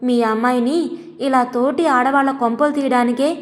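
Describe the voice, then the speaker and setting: A woman's voice: high-pitched, fairly even intonation, normal speed, natural voice. A woman voicing a young wife, poor and wronged, who speaks in a tearful, accusing way. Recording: long reverb.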